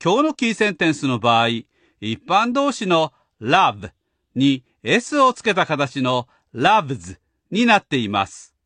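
A man teaches grammar in a lesson, his voice pitched high and moving widely. He speaks slowly and clearly, with a patient, instructional manner. The recording is close and dry. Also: huge pitch swings, sharp tone, no echo. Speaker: language teacher host. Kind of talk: explaining grammar in a radio lesson.

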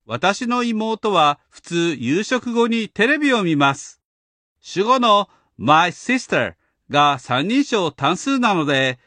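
A man teaches grammar in a lesson, his voice pitched high and moving widely. He speaks slowly and clearly, with a patient, instructional manner. The recording is close and dry. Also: sharp tone, dry recording. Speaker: language teacher host. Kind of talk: explaining grammar in a radio lesson.

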